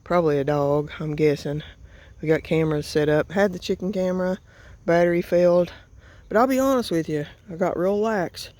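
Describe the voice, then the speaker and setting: A woman's voice: on the low side, darkish tone, no echo. Breathless middle-aged Appalachian woman. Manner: emotional, rambling, hurried. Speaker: homestead vlogger. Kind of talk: casual vlog chat.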